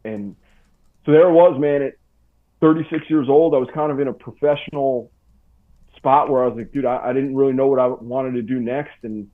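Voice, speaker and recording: A man's voice: mid-range voice, moderate pace. Laid-back guy on a tinny line. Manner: laid-back, slangy, full of "dude" and "bro". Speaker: podcast guest. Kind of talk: casual storytelling interview.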